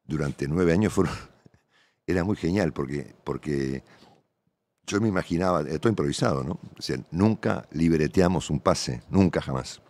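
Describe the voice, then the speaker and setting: Speaking at normal speed in a slightly mellow bass voice, a middle-aged radio veteran from Argentina chats at length in an interview. His Argentine Spanish is colloquial and meandering, full of tag questions, and the recording is dry.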